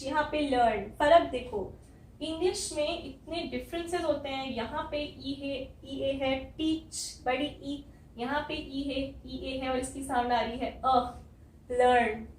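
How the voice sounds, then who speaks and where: A woman with an Indian accent teaching an English lesson, breaking words into sounds and saying them slowly. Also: high-pitched, a little hiss or hum. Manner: slow, spelled-out pronunciation drills. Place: classroom with a board. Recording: echoey room, mic at a distance.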